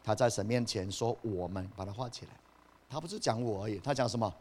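In a lowish voice and at a fast clip, a pastor preaches to his congregation. Soft side remarks give way to loud, rising emphasis, and he keeps raising questions for the audience that he then answers himself.

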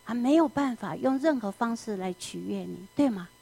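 A woman preaching in an animated storytelling manner, often asking the listeners questions. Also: fairly high pitch, normal speed, gravelly, breathy edge. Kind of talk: sermon.

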